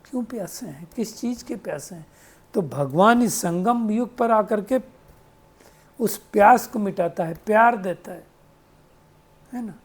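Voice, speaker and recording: A man's voice: high voice, animated, measured pace, long pauses. A man giving a devotional spiritual talk, explaining patiently, quoting sayings and asking rhetorical questions. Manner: asks rhetorical questions, tag "है ना?". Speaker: spiritual teacher. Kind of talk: devotional discourse.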